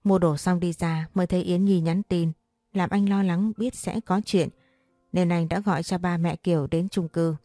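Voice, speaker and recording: A woman narrating a first-person story in a steady, earnest reading voice. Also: lowish voice, normal speed, dry recording, faint music behind.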